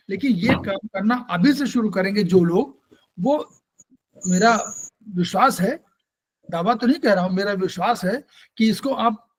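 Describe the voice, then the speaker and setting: High-voiced man teaching acupressure. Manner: patient, explanatory, quizzes students. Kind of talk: online class lecture.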